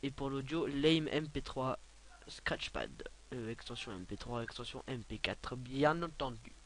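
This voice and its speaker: Young male tutorial maker, bright tone, casual and rambling, light hiss on the recording. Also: medium pitch, unhurried. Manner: rambling, many filler sounds, offhand asides.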